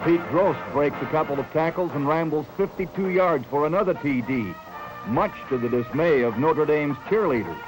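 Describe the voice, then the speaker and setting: A man's voice: on the high side, expressive, moderate pace, rough recording. Upbeat 1970s newsreel narrator man. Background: music bed.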